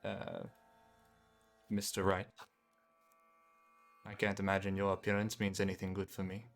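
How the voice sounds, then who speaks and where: A man voicing a jaded garage owner in his early forties during a tabletop role-play, gruff and businesslike. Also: sits low, monotone, a little slow, faint music behind. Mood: weary.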